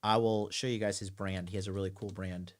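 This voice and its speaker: A man's voice: low voice, flat delivery, a little fast. A man in his late thirties hosting a call-in advice show, emphatic and repetitive, often checking in with "okay". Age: 30s. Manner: emphatic, repeats himself, says okay a lot. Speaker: call-in show host and dating coach. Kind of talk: casual call-in advice talk.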